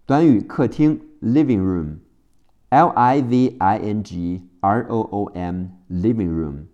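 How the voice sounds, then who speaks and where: In a phonics lesson, a man teaches English vocabulary by spelling out each word letter by letter and repeating it slowly. His voice is lowish and mellow, with the high frequencies cut off.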